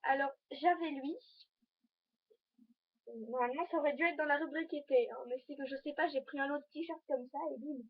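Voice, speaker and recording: Showing off items to her audience, a teenage fashion vlogger talks casually, wandering a bit and hesitating often. She has a high voice with a steady tone and speaks at normal speed, recorded with dull lo-fi home video quality.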